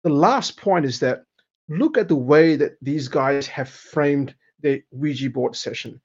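Husky, higher-voiced man. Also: measured pace. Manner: emphatic, checks with 'right?'. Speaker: panel host. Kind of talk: casual analytical chat. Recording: dull, band-limited audio.

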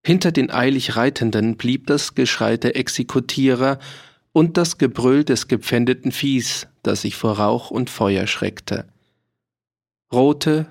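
Male audiobook narrator, gravelly, unhurried, measured delivery. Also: mid-range voice. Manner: slow, measured reading with voiced character lines. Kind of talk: scripted narration of a historical novel.

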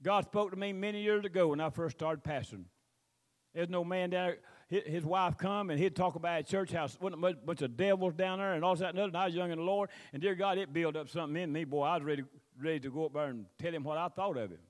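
Male country pastor, high-pitched, Southern US drawl, folksy rambling sermon delivery with drawn-out scripture. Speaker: pastor preaching to his congregation. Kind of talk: sermon, mixing scripture reading with plain exhortation.

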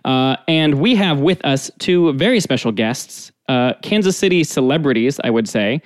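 A man's voice: medium pitch, expressive, moderate pace, no echo. A man hosting a podcast over a video call, upbeat and joking as he runs a guessing game. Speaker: podcast host. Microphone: video call setup.

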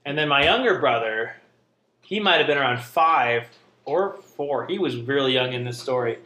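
A man's voice: mid-range voice, animated, moderate pace, sharp tone, reverberant. A young man, a podcast co-host, telling family stories in casual chat, rambling and interrupting himself with laughs.

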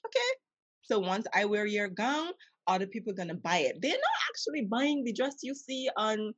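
Emphatic Caribbean woman, husky and muffled. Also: mid-range voice, big pitch swings, moderate pace, dry recording. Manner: emphatic, preachy, calls out to listeners. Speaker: host. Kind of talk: casual discussion. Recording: dull, dry, muffled sound.

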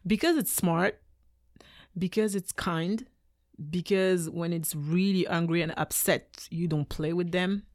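A man's voice: sits high, fairly even intonation, measured pace. A man from Belgium with a French accent, a podcast guest in loose casual chat full of fillers. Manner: laughing, loose phrasing with many fillers.

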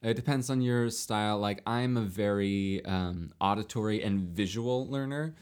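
A young man telling a long story in casual chat, rambling with many fillers and restarts, lively when he quotes others. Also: lowish voice, normal speed, clear, resonant tone. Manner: animated when quoting others.

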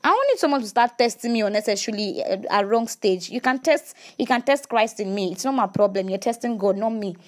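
A woman's voice: a little high, expressive, a little fast, hardly any pauses. Woman giving emphatic faith talk. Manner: emphatic, repeats words, rhetorical questions. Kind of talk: casual faith talk to viewers.

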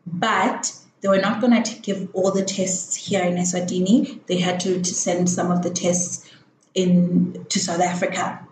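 A woman's voice: on the low side, flat delivery, measured pace, a little mellow, a little hiss or hum. A young woman telling a personal story frankly and candidly, rambling with many fillers and self-corrections. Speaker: vlogger. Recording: roomy echo, faint ambience.

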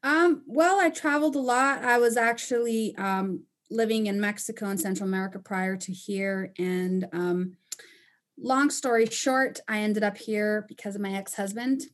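A woman from Panama and Costa Rica, a native Spanish speaker who owns a construction company, speaks candidly as a guest in a casual interview. Her voice is mid-range and moderately paced, with frequent fillers.

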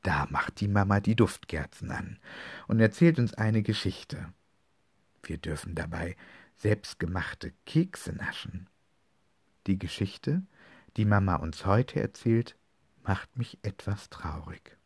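A man reads a cozy children's story aloud in a deep, husky voice. His delivery is slow and lively in melody, gentle throughout, and the sound is dry and close. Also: no echo. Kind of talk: storybook narration.

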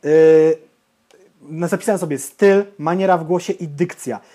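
A man's voice: fairly high pitch, moderate pace. A young man co-hosting a podcast, blunt and opinionated, ranting and swearing in casual chat. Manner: blunt, swears, ranty and animated. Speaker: podcast co-host.

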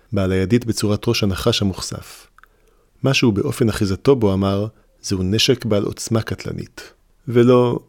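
A man narrating a fantasy story in an audiobook with a steady, measured reading. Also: fairly low pitch, dry recording, clean studio sound. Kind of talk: scripted narration.

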